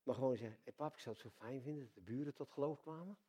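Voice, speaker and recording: Older Dutch-speaking man preaching with animated swings. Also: mid-range voice, quick pace, husky. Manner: animated, swings from soft intimate asides to loud exclamations; addresses God casually as dad. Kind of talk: sermon.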